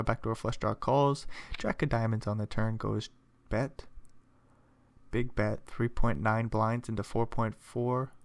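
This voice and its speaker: A young man giving relaxed, chatty play-by-play commentary on a poker final table, thinking aloud with playful asides, while fighting off hiccups and yawns. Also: mid-range voice, gravelly, no room sound. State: hiccuping and yawning.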